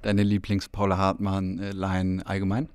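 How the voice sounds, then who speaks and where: A man's voice: low voice, completely flat delivery, moderate pace, a little mellow, clean tone. A man interviewing a guest, asking casual, prompting questions into a handheld mic in a small restaurant dining room.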